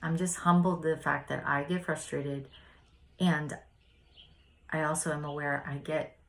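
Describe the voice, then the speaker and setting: A woman with a notably low voice talks through her reflections softly, hesitating and restarting often. A faint hiss of room noise sits behind her. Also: level tone, a little slow, gravelly. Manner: soft-spoken, hesitant, many fillers. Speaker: spiritual study vlogger. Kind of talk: casual reflective sharing.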